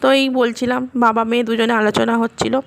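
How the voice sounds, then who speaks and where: A woman with a high voice narrates a home vlog as a voice-over. She sounds weak and worn out from being unwell, but keeps up a loose, chatty, rambling way of telling her day. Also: little pitch movement, fairly quick, gravelly. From India, West Bengal. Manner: chatty, rambling everyday storytelling. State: weak and tired from illness. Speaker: vlogger.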